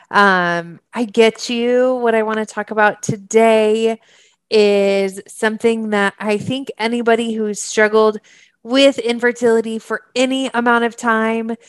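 A woman's voice: medium pitch, no room sound. A woman hosting a podcast as a therapist, talking in an earnest, chatty way with many fillers. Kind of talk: conversational podcast monologue.

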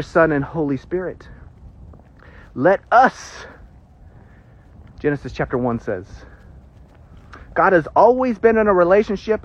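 Animated, husky male preacher. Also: on the high side, no room sound. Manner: animated, joking asides, emphatic pauses. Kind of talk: casual sermon teaching. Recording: dull lo-fi sound.

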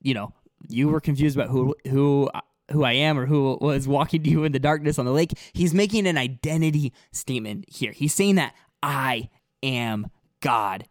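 A man's voice: fairly high pitch, a little fast, a little mellow, dry recording. A man co-hosting a casual Bible discussion, explaining passages earnestly and often repeating words as he thinks. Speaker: Bible study podcast co-host.

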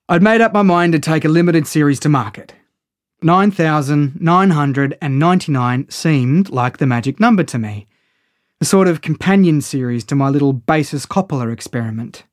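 A man's voice: mid-range voice, darkish tone, dry recording, studio quality. A man narrating a first-person audio story in a wry, conversational way.

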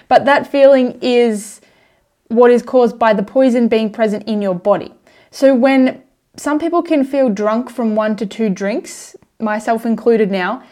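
A woman's voice: on the high side, dark tone. A young adult woman, hosting a podcast and casually explaining health topics with chatty asides. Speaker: podcast host. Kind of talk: casual educational monologue.

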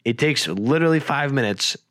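A man's voice: medium pitch, lively intonation, a little fast, fairly bright tone, no echo. A young man hosts a podcast while fighting a cold. He rambles and jokes in loose casual chat and swears freely. The sound is dry and close. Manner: rambling, joking, swears often. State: has a cold, voice lower and rough. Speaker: podcast host.

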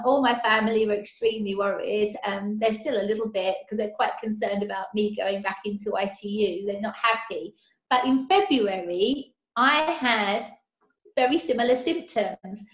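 A woman, a nurse being interviewed, telling a personal account in conversational detail. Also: on the high side. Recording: roomy, echoey call audio.

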